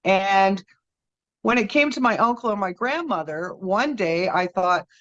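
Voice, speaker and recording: Woman guest, medium-pitched voice, rambling interview storytelling, muffled lo-fi recording. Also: expressive, unhurried, fairly bright tone. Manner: rambling, many filler sounds. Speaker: guest, medium and energy healer. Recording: dull lo-fi audio.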